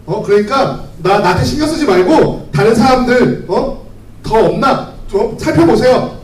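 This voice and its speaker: A man's voice: extremely high pitch, normal speed, a little mellow, reverberant, recorded from a distance, poor audio. A man voicing a stubborn devout man who prays on a rooftop during a flood and insists that God will save him. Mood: stubborn refusal. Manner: pleading, insistent.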